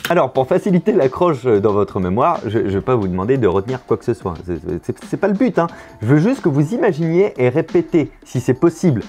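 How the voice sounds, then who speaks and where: A man hosts a casual teaching video, and his pitch swings widely and expressively as he explains. He often restarts and repeats words mid-sentence, with faint music under his voice. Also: very animated, brisk, few pauses, a little mellow. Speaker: host explaining memory tricks.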